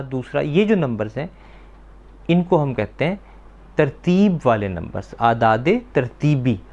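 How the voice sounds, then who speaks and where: A man teaching a language class for children, patiently repeating words slowly and quizzing the class on answers. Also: medium pitch. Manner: asks the class questions and confirms answers.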